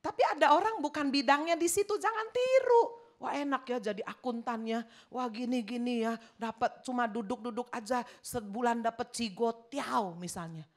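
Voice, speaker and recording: A woman's voice: on the high side, normal speed, hardly any pauses. A woman pastor preaching a sermon in an emphatic way, talking straight to her congregation.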